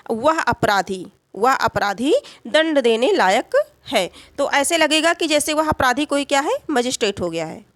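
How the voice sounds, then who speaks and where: A woman's voice: high-pitched, a bit bright, no room sound. A woman teaching an exam-prep grammar lesson, who repeats key words, asks herself questions and keeps checking in with her students.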